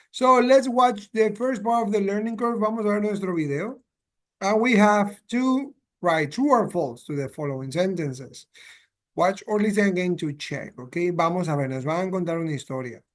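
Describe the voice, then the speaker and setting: High-voiced bilingual English teacher. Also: male voice, expressive, unhurried. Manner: mixes English and Spanish, repeats phrases with "¿ya?" and "¿ok?". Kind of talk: bilingual classroom explanation.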